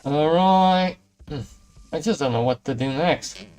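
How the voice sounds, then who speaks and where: A man's voice: fairly high pitch, lively intonation, a little slow, a little mellow. A man giving casual let's play commentary, hesitant and thinking aloud. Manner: hesitant, musing. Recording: faint game music behind.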